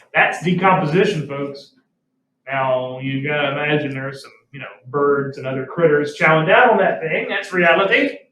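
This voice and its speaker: A man's voice: fairly high pitch, sharp tone. Guy teaching bio, keeps asking the class stuff, echoey room, faint hum behind. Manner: folksy, asks the class questions. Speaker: biology teacher. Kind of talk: classroom lecture with storytelling. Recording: roomy classroom audio from a distant mic.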